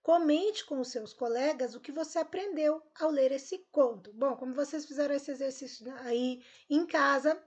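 A woman's voice: sits high, normal speed, hardly any pauses. A woman teacher with a Brazilian Portuguese accent, going over homework answers with her pupils in an upbeat recorded lesson. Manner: upbeat, lively, talks straight to pupils.

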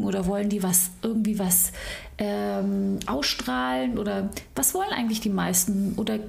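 A woman hosting a podcast in a relaxed interview tone. Her voice has a gravelly, creaky edge. She asks long, winding questions and restarts herself often. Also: a little high. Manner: chatty, rambling questions with many restarts. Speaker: podcast host. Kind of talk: casual interview.

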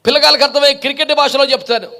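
Male pastor, very high voice, fervent sermon delivery with rapid-fire rhetorical questions. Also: steady tone, bright, forceful tone. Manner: impassioned, rhetorical preaching with repeated questions.

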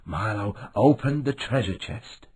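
A man's voice: lowish voice, lively intonation, measured pace, darkish tone, breathy edge, low-quality recording. A man reading a children's story aloud in a sing-song, exaggerated storytelling manner. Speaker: narrator.

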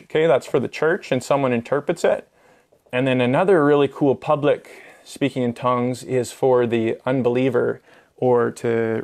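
A man's voice: medium pitch, creaky, darkish tone. A young man preaching informally, casual and earnest, with filler words and restarts. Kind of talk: informal sermon teaching.

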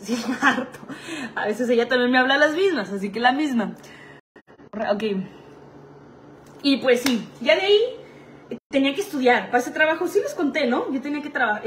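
A woman's voice: high voice, a little hiss or hum. A young woman with a Mexican Spanish accent telling casual stories about her past jobs, chatty and full of slang and laughing asides. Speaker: vlogger. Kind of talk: casual storytelling.

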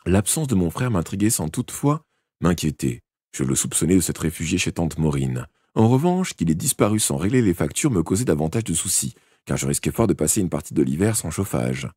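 A man narrating a detective audiobook live, expressive and now and then stumbling and correcting himself. His voice is low and husky, with a lively, rising and falling delivery. The sound is dry and close to the mic. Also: brisk, no room sound. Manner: expressive first-person narration with occasional slips and self-corrections. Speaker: audiobook reader. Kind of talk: live unedited audiobook reading.

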